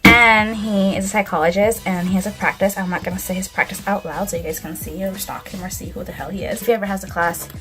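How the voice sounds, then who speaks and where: A young woman vlogger chatting casually to camera, telling a story in a gushing, sassy way with lots of "like". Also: medium pitch. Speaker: beauty vlogger. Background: background music.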